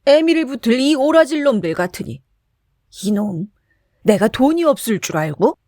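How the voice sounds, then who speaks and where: A woman voicing a drunk, coarse middle-aged man who shouts boastful curses. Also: on the high side, big pitch swings, unhurried, no echo, studio quality. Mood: drunken bluster.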